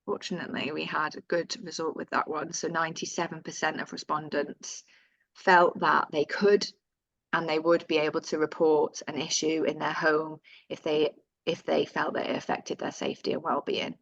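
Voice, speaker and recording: A woman's voice: sits low, little pitch movement, normal speed, no echo, lo-fi sound. A woman with a Northern English accent presenting survey findings in a webinar, reading out figures with fillers and self-corrections.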